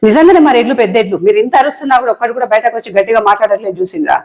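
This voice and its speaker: Fast, fiery Telangana woman ranting. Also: fairly high pitch, expressive, a little mellow, rough recording. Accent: Telangana Telugu. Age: adult, married. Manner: angry, impassioned and repetitive. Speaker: online political commentator. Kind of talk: heated monologue to camera.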